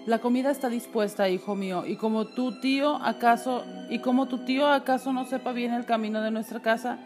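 A woman voicing a poor, trusting widowed mother who speaks gently and consolingly. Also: on the high side, fairly even intonation, fairly quick, over music, pitched above the performer's own voice, close to an everyday voice. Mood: gentle.

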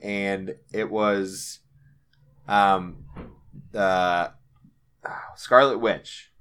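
Bright-toned man rambling on a podcast. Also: low-pitched, fairly even intonation, extremely slow, clean tone. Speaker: podcast co-host. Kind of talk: casual chat.

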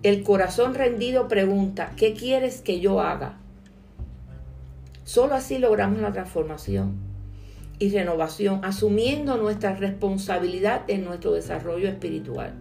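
A woman's voice: mid-range voice, normal speed, gravelly, warm tone, faint music behind. A woman giving an earnest devotional sermon, reading scripture and asking the listener direct questions. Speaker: preacher.

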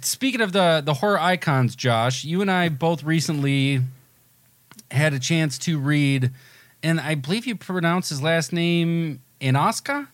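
A man's voice: a little high, unhurried, no room sound. A man co-hosting a podcast, rambling with enthusiasm in casual chat, often restarting his sentences. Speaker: podcast co-host.

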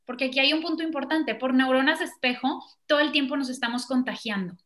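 Woman, parenting expert; high, bright voice, animated explainer. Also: fast. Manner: animated, acts out children and parents in quoted voices. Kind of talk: explanatory conversation.

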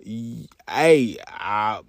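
A firm, worn-out mail carrier woman, as a man puts her on. She speaks in a lowered, flat voice and turns the customer down without budging. The recording is dry and close. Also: very slow, vocal fry, no echo, full character voice.

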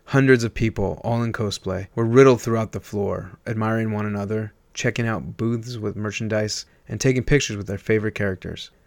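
A man hosting a podcast, chatting casually before reading a story aloud in a relaxed way. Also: fairly low pitch, a little fast, vocal fry, hardly any pauses, no echo. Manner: relaxed, chatty, with fillers and restarts. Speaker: podcast host and reader.

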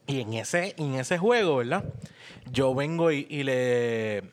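A Puerto Rican man co-hosting a podcast, telling a funny story in a casual, animated way and acting out the voices. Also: medium pitch, slow pace. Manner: animated, laughing, acts out voices in anecdotes. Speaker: podcast co-host.

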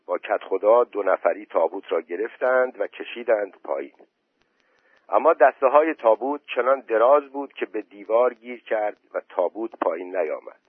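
A man with a husky voice reading a story aloud in a plain, steady storytelling manner. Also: lowish voice, dry recording. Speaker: narrator. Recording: dry tinny phone-like voice message.

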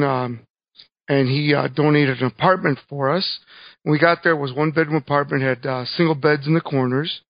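Cuban-born guy telling his life story, kinda high voice, dry dull sound, lots of uhs. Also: no echo. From Cuba. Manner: earnest storytelling with fillers. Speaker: guest speaker.

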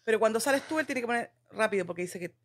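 A middle-aged woman with a Chilean accent, co-hosting a podcast in casual chat, talking fast and laughing often. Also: a little high, animated, a bit bright. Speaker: podcast co-host.

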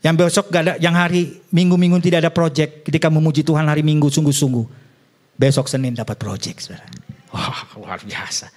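A middle-aged man preaching a sermon as a pastor, animated, with joking asides and rising exclamations to the congregation. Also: on the high side, fast talker. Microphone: addressing a congregation and viewers.

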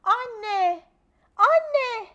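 A woman voicing an excitable little girl who keeps calling out to her parents and pleading to be heard. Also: normal speed, lo-fi sound. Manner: shrill, pleading, calls out loudly.

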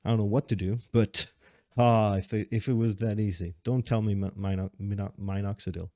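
Podcast host, man in his late twenties, low-ish voice, loose rambling chat, dry close recording. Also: fairly even intonation, a little fast, darkish tone, no echo. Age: 20s. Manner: rambling, self-correcting, laughs often. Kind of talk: casual solo podcast chat.

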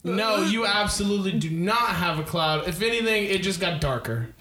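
High-voiced American man running a tabletop game, echoey. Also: lively intonation, moderate pace. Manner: slangy, profane. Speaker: game master. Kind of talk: casual tabletop game narration. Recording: echoey room, noisy background.

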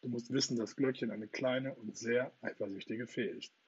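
A husky man voicing a boastful, playful boy in a storybook reading, talking in a lively, triumphant way, on a dull lo-fi recording. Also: mid-range voice, normal speed, close to an everyday voice. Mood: cheery. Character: boastful playful boy who never grows up.

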